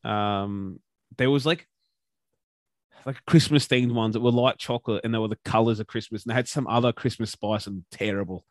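A man's voice: fairly low pitch, normal speed, dry recording, clean studio sound. A man co-hosting a casual podcast, rambling with restarts and casual swearing. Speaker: podcast co-host.

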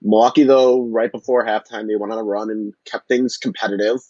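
Deep, slightly husky man talking sports. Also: fairly even intonation, fairly quick, dark tone, no room sound, dull audio. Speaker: podcast co-host. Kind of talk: casual sports podcast chat.

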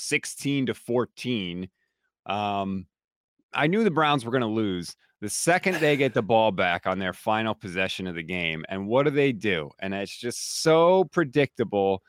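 A man hosting a sports talk podcast, his voice rough, grating and hoarse from a cold, speaking emphatically. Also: lowish voice, animated, moderate pace, fairly bright tone, no room sound, studio quality. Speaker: podcast host.

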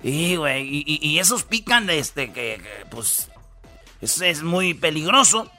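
A man's voice: fairly high pitch, sing-song, slow, pushed and bright, soft background music. A man with a Mexican Spanish accent hosting a radio comedy show, rambling through the news in slangy, jokey storytelling. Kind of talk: comic news rundown.

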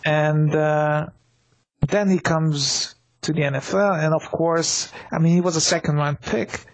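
A man co-hosting a casual sports talk show, his voice sitting a little high for a man. He rambles, circling back with fillers and restarts as he works through his thoughts. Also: steady tone, unhurried. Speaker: podcast co-host.

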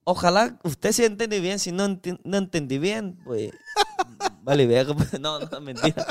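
A man's voice: high voice, expressive, measured pace. A young Chinese man chatting as a guest in broken, slangy Spanish full of restarts. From China. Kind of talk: casual interview chat.

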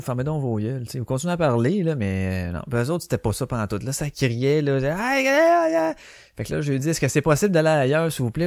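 A man's voice: mid-range voice, darkish tone, dry recording, studio quality. Swearing Québécois man ranting. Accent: Québécois French. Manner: swearing, ranting storyteller who acts out quotes. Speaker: podcast host. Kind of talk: casual solo podcast monologue.

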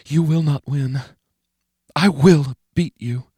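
A man voicing a determined, haunted woman scientist who speaks with quiet, intense resolve. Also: a little high, takes it slowly, slightly rough, no room sound, studio quality, pitched above the performer's own voice. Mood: defiant.

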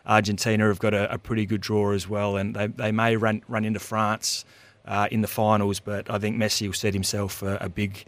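A man's voice: on the low side, a bit bright, dry recording. An Australian man co-hosting a radio show, talking casually with lots of fillers and restarts. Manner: easygoing, halting with many fillers. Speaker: radio co-host. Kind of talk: casual radio sports chat.

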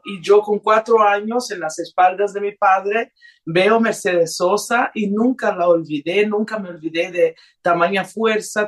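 Earnest woman singer. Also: on the low side. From Brazil and Honduras. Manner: earnest, restarts and hesitant fillers. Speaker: singer, interview guest. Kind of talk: personal storytelling in a radio interview.

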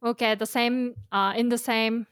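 A woman's voice: on the high side, steady tone, normal speed, fairly bright tone, no echo, clean studio sound. A woman teaching Japanese in a casual chat, explaining with imagined scenarios and plenty of fillers. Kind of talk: casual language lesson chat.

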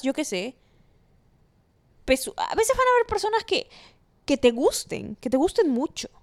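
A young woman talks into a close microphone in a dry, deadened space. Her voice sits high and swings widely in pitch as she gives blunt, affectionate advice. She sounds sassy and playfully dramatic. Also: no echo. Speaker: podcast host. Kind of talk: casual advice monologue.

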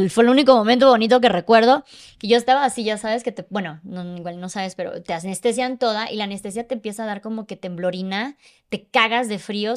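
A woman's voice: mid-range voice, clean tone. A woman telling a personal story in casual podcast conversation, emotional and vivid, acting out the dialogue. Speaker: podcast guest.

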